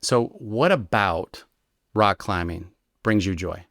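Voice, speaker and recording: Lowish american guy, retired agent, explaining stuff with lots of examples, dry close sound. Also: takes it slowly, no room sound. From United States. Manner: animated storyteller, explains with examples and rhetorical "right?". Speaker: retired federal agent, interview guest. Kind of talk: conversational explanation.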